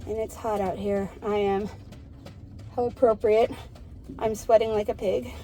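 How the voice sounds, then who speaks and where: An American woman talks to camera in a relaxed, chatty way from outdoors. Her voice is mellow and mid-pitched, and she speaks softly and soothingly. There is a faint hiss of outdoor ambience behind her. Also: unhurried. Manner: chatty, gentle and soothing with the animals. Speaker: homestead vlogger. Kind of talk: casual vlog narration. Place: outdoors in an animal pen on a hot day.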